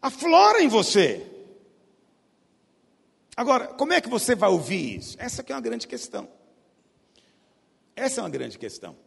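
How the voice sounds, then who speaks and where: Gravelly preacher man from Goiás with a long hall echo. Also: huge pitch swings, fast talker, long pauses. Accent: Goiás Brazilian Portuguese. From Goiás, Brazil. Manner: swings from loud emphatic bursts to low hushed asides. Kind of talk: sermon.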